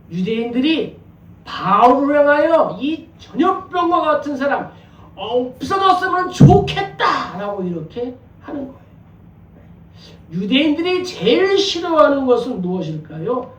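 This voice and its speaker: A male pastor preaching a sermon in a conversational way, asking rhetorical questions and joking with the congregation. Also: high-pitched. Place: church sanctuary. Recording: echoey church from a distance.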